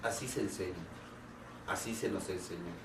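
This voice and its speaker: A man's voice: sits low, noisy background. Earnest male therapist in an echoey hall. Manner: earnest, repeated rhetorical questions with pauses. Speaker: therapist giving a talk. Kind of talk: public talk on anxiety. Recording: roomy hall sound from a distant mic.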